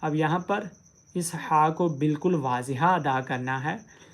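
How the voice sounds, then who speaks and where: A man teaching Quran pronunciation, explaining patiently and drawing out recited words syllable by syllable. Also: on the high side. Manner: drawn-out, syllable-by-syllable recitation of examples. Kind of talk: tajweed pronunciation lesson.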